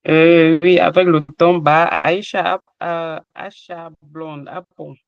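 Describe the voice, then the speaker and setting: A man in an online training session, slowly checking participants' answers one by one. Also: on the high side, fairly even intonation, creaky, smooth, dry recording, muffled recording.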